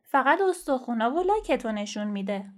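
A kind lady doctor from a children's storybook explains things gently and patiently, as a woman puts her on. Her voice is high and clear, and she sounds reassuring. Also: sing-song.

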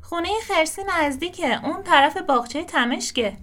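A woman voicing a young, eager male turtle who sounds hurried and urgent in a storybook reading. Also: high voice, a bit bright, pitched above the performer's own voice.

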